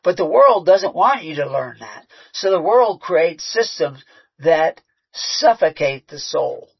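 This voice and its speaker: Husky-voiced man preaching, lo-fi. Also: a little high, very animated, slow. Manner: conversational storytelling, frequent fillers and restarts. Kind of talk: sermon with personal story. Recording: muffled, lo-fi recording.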